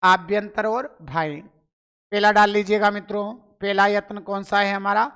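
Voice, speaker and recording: A man's voice: high-pitched, little pitch movement, moderate pace, sharp tone, clean tone. A male teacher giving a live online grammar lesson, asking questions and answering them himself, and urging viewers to reply in chat.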